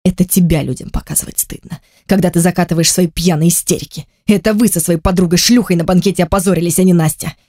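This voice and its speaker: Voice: medium pitch, steady tone, warm tone, no room sound, clean studio sound, natural voice. A reader voicing a coldly furious young man. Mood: cutting. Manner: cold, deliberate, cutting. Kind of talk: audiobook character voice.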